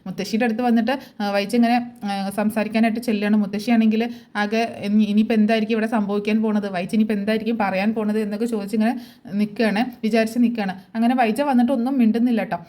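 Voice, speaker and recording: A woman's voice: medium pitch, level tone, racing, dark tone. A woman retelling the next episode of a TV serial in a chatty storytelling way, with frequent asides to her listeners. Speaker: serial review narrator.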